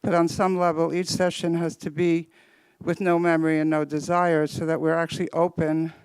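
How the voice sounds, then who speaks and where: Measured man, slightly out of breath. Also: a little high, level tone, a little mellow, clean tone, dry recording, poor audio. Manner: thoughtful, measured, cites theory. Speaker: psychotherapist panelist. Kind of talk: panel discussion comment.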